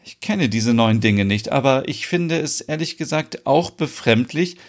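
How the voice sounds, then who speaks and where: A man reading a story aloud, voicing a fussy, excitable woman who owns the kitchen and is the boss, in a shrill, flustered, dramatic manner. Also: unhurried, natural voice.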